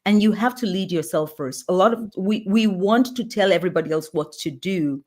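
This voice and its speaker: A woman with a somewhat low voice answers interview questions earnestly. She talks with emphasis and often restarts her phrases mid-thought. She sounds like a guest sharing her experience. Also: brisk, darkish tone. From Nigeria. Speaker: guest pediatrician and leadership coach.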